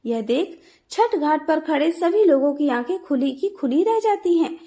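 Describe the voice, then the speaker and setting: Woman, storyteller, devotional story narration, steady, high-pitched. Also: unhurried.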